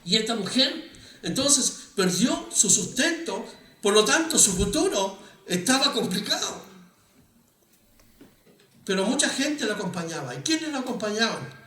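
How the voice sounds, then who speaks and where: A man's voice: sits high, very animated, a little slow, a bit bright, reverberant, far from the mic. A man preaching a sermon in a conversational way, often asking his congregation questions. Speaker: pastor. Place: church hall.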